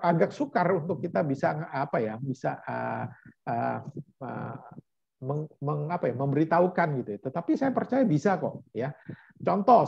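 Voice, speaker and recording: A man's voice: medium pitch, vocal fry, breathy edge, dry recording, dull audio. A man teaching a Bible school class over a video call in a chatty, hesitant way, with many fillers. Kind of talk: online class lecture.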